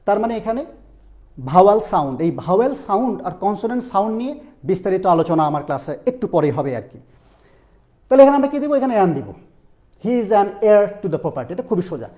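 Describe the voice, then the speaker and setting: ভর্তি পরীক্ষার অনলাইন ক্লাসে এক পুরুষ শিক্ষক প্রশ্ন করে করে ব্যাকরণ বোঝাচ্ছেন, মূল শব্দগুলো ধীরে ধীরে বারবার বলছেন।. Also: male voice, high-pitched. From Bangladesh. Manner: animated, questioning students, repeating key phrases slowly. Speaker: teacher. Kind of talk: online admission-prep English lesson.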